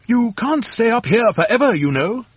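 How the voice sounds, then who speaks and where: A man's voice: very high voice, very animated, normal speed, husky, no echo, voice pushed up, heavily acted. A man voicing a plump, friendly, know-all bird in a storybook reading, explaining things in a matter-of-fact, reassuring way. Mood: cautioning.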